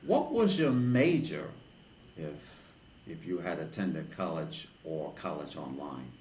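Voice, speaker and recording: A man from New York hosting an interview podcast, speaking in a formal, deliberate way. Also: a bass voice, sing-song, a little mellow, echoey room, low-quality recording. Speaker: podcast host and DJ.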